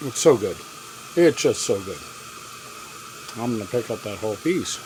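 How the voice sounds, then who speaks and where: A man's voice: on the low side, animated, moderate pace. A man chatting folksy and casual while frying fish in a camper kitchen, sometimes talking with his mouth full. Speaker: cooking vlogger. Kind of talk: casual cooking vlog. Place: camper kitchen with propane cooker. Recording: noisy home video with frying sounds. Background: boiling water and frying.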